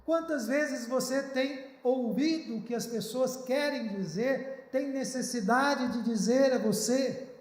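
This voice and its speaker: High-voiced pastor preaching in an echoey hall. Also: male voice, takes it slowly. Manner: earnest, pleading preacher. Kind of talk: sermon. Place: church hall.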